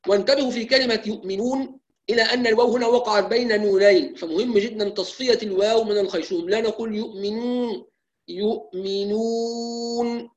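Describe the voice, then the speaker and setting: A man teaching Quran recitation in a live lesson, explaining rules and reciting drawn-out examples. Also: high-pitched, poor audio.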